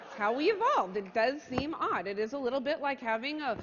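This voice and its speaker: A middle-aged woman telling a stand-up story on stage, with deadpan asides and acted-out quotes. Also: brisk. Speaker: stand-up comedian. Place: stage before an audience. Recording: dull hall sound with low hiss.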